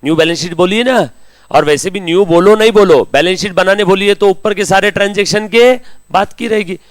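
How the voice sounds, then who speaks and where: A chatty, teasing male teacher addresses a live class, slipping into speech. His voice sits a little high for a man. The recording is dry and close, little room sound. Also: fairly quick, no room sound. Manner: chatty, teasing, calls students beta and munna. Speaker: accounting teacher.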